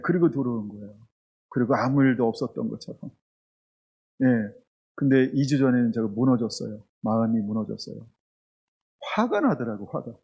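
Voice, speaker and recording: Husky, animated male pastor. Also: fairly high pitch. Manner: candid, confessional storytelling. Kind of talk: sermon. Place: church.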